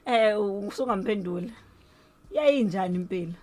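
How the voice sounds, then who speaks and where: A woman's voice: medium pitch, animated, moderate pace, a little mellow, no echo. A South African woman presenting casually live on radio as host, with a South African accent.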